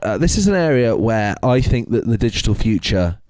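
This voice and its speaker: Young podcast co-host, relaxed and laughing, lively delivery. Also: male voice, on the low side, a little fast, dry recording. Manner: laid-back, laughing, swearing freely. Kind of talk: casual chat.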